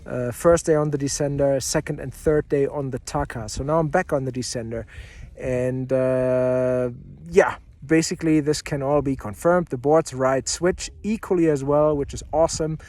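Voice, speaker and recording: A man's voice: fairly high pitch, normal speed, a little mellow. A man talking off the cuff in a casual gear review vlog outdoors at a ski area, thinking aloud between phrases. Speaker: snowboard reviewer.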